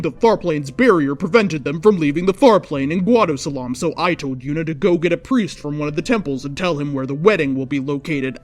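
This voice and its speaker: A woman with a low-sitting voice reads bad fan fiction aloud like a storyteller, stretching key phrases with theatrical emphasis. She is close to a microphone without a pop filter, and faint music plays behind her.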